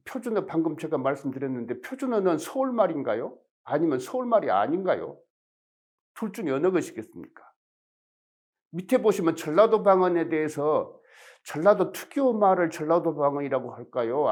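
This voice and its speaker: A middle-aged male professor, lecturing in a fairly high voice. His intonation rises and falls freely. He explains step by step and poses questions to his audience. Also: a little mellow. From Jeolla region of Korea. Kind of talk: recorded lecture.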